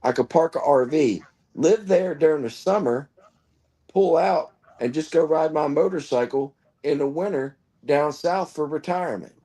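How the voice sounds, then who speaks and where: A man's voice: fairly high pitch, moderate pace, mellow. A man in his fifties hosting a casual live-stream chat, rambling through stories and chuckling often. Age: 50s.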